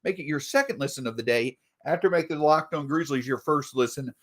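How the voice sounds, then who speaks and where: A man hosting a solo sports podcast, talking through team news in an animated way, a bit stuffy from allergies. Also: on the high side, brisk. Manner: animated, reads an ad mid-show. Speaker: podcast host.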